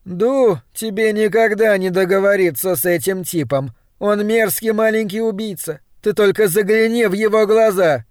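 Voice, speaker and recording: A man's voice: sits high, moderate pace, few pauses, a little mellow, dry recording, studio quality, pitched above the performer's own voice, lightly acted. A man voicing a hostile older woman who speaks in a scornful, accusing way.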